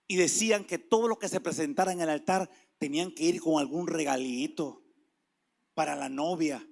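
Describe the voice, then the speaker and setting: A man preaching a sermon with passion, dropping to a hush and then rising to shouts. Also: on the high side, normal speed, vocal fry. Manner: impassioned, swings from hushed to shouting.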